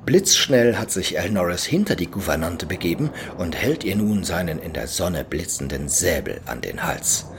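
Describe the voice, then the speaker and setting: A man's voice: low-pitched, big pitch swings, normal speed, hardly any pauses, noisy background. A man playing the wry, dramatic narrator of a pirate tale in a scripted audio drama. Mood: dramatic, suspenseful.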